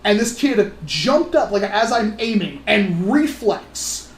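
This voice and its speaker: A woman telling stories on a casual livestream in an animated, rambling way, acting out other people's voices. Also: mid-range voice, takes it slowly. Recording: roomy echo.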